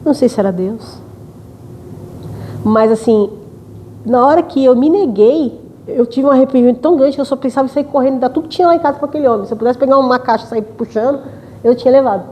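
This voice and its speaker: A woman with a Brazilian accent giving a talk as a spiritist lecturer, telling a personal story in an emotional, animated way. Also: high voice, fast, a little hiss or hum, low-quality recording.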